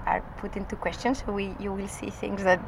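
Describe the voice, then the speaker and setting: A woman's voice: medium pitch, level tone, a little fast, vocal fry, noisy background. A woman from Spain with a Spanish accent, a performance artist rambling through an interview with frequent restarts and laughs. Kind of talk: casual interview chat.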